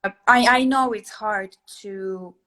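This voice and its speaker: Speaking slowly in a medium-pitched, slightly bright voice, a young Latvian woman in her 20s chats on a casual video call she hosts as an interior sketching teacher. She sounds chatty yet hesitant, often using fillers and restarting, and is recorded on a laptop webcam in a small room at home, indoors.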